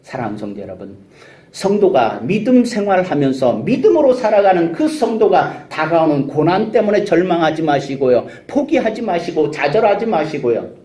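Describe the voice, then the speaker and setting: A very animated male preacher with a fairly high, mellow voice speaks at a normal pace. His emphatic sermon, heavy on rhetorical questions and hallelujahs, rings out in an echoey church sanctuary.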